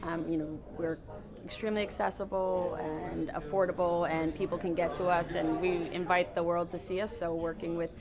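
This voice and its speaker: A woman with a lowish, even voice gives a promotional interview as a sports commission representative. A busy crowd chatters clearly behind her. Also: moderate pace. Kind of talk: press event interview.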